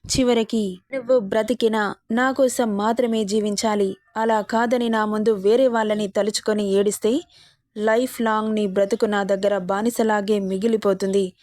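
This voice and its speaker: A woman's voice: medium pitch, steady tone, moderate pace, a little mellow, dry recording, clean studio sound, lightly acted. A woman voicing a possessive, domineering young man teasing the heroine in a romance story.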